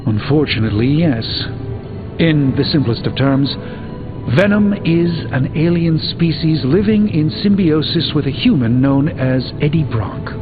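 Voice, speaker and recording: An actor playing an erudite, proud, guilt-burdened middle-aged sorcerer doctor in a video game, speaking formally in measured, articulate phrases. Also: male voice, on the high side, narrow, tinny audio, natural voice. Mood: explanatory, grave. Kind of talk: video game dialogue acting. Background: background music.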